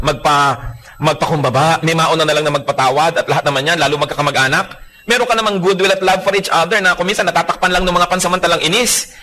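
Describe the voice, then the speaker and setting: A man preaching as a pastor, joking and lively, mixing English Bible verses into his sermon. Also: fairly high pitch.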